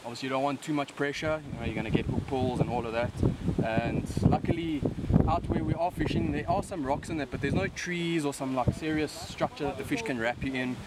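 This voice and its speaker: A man's voice: mid-range voice, lively intonation, a little fast, over a noisy crowd, low-quality recording. A young man with a broad South African accent gives casual fishing commentary and tips outdoors on a river bank. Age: young adult. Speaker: angler presenting a fishing video. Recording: outdoor camera sound with background noise.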